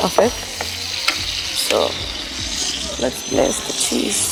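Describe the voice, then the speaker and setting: A woman's voice: slow pace, very noisy. Young woman cooking. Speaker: home cook presenting a recipe. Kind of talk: casual step-by-step cooking instruction. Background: music, sizzling pan.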